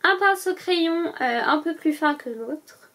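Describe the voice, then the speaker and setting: A woman vlogger with a high, light voice chats casually to her viewers. She goes through items one by one and fills her pauses with hesitant sounds. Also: lively intonation, a bit bright. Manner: chatty, lists items one by one with many "euh" fillers. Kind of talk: casual packing-list vlog.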